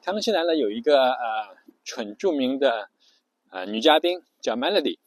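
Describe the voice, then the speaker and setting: A man's voice: mid-range voice, big pitch swings, moderate pace, no echo. A man giving a casual spoken lesson, chatty and full of fillers, often stopping to ask his listeners a question.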